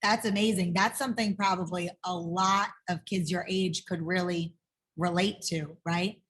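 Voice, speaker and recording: A woman's voice: fairly low pitch, steady tone, normal speed, fairly bright tone. A woman martial arts instructor teaching a kids' life-skills workshop over a video call, upbeat and encouraging as she asks the class questions.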